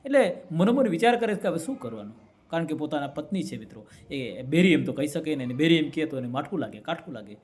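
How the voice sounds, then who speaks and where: This community speaker talks fast in a fairly high, darkish voice with big swings in pitch. He's giving a motivational speech at a community gathering, spinning a folk parable and repeatedly asking listeners "right?"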